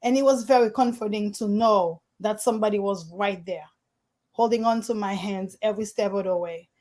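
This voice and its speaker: A woman's voice: mid-range voice, fairly even intonation, moderate pace, darkish tone. A woman from Haiti, a realtor guest in an interview, telling her story in an earnest way, with slightly non-standard phrasing. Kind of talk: conversational interview.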